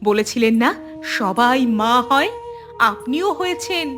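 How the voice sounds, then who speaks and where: A woman voices a young mother and daughter-in-law in a dramatic cartoon, a wronged, bitter character who is angry, indignant and accusing. Her voice is a little high, expressive and fairly bright, at a measured pace. Music plays behind her.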